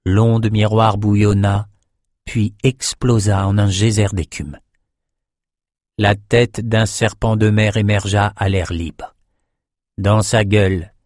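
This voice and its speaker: A man reads a fantasy adventure aloud in an even, measured way. His voice sits low, and the recording is dry and close with no room sound. The pacing is steady and controlled. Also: no room sound. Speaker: audiobook narrator. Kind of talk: scripted fantasy narration.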